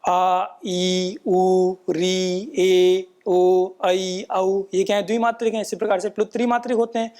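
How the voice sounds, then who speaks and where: A man giving a patient, explanatory lesson on pronunciation, often checking in with tag questions and chanting rules in a measured recitation. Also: high-pitched, darkish tone. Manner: patient, repeats points with frequent "है ना" tag questions. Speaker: Sanskrit pronunciation teacher. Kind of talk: explanatory lecture.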